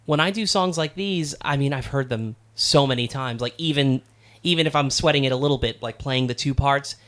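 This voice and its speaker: A man talking as a guest musician in a casual studio chat, relaxed and rambling with plenty of fillers. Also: medium pitch, a little fast.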